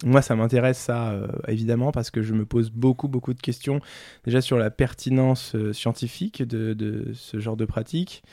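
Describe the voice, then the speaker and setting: A man's voice: medium pitch, fairly even intonation, moderate pace, warm tone, no echo, clean studio sound. A man hosting a podcast interview, friendly and hesitant with many fillers. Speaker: podcast host. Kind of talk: conversational interview.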